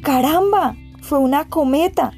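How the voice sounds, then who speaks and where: A woman voicing an eager, excitable young boy in a storybook reading, exclaiming as he speaks. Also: high-pitched, measured pace, soft background music, pitched above the performer's own voice. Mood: excited.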